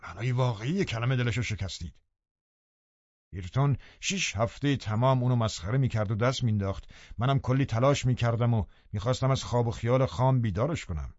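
A man's voice: medium pitch, no echo, lo-fi sound, close to an everyday voice. A man voicing a scheming, brooding middle-aged landowner who talks in a menacing way. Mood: cold menacing. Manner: menacing, then loudly pleading.

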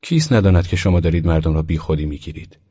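A man reading aloud, voicing a poised, well-bred young woman who speaks with lifted pitch. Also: animated, warm tone, slightly rough, highs cut off, full character voice. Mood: earnest. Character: woman narrator, refined young lady.

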